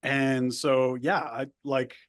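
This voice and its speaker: Slowly and with flat delivery, a medium-pitched man tells his life story in a rambling, casual interview. The guest, originally a Spanish speaker, comes from the El Paso border area of the United States and restarts often.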